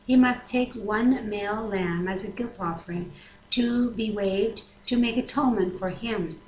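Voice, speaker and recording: A woman with a medium-pitched voice reads scripture aloud and adds casual asides as a Bible reader and commenter. She is recorded on a webcam microphone in an echoey room, and the audio is noisy.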